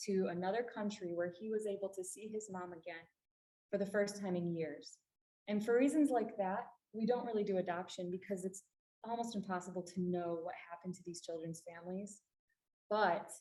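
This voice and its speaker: A woman of middle pitch gives an earnest, explanatory public talk, pressing hard on the points that matter most. Her voice carries the bounce of an echoey meeting room. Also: dark tone. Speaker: refugee services staff presenter. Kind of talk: public talk to a library audience.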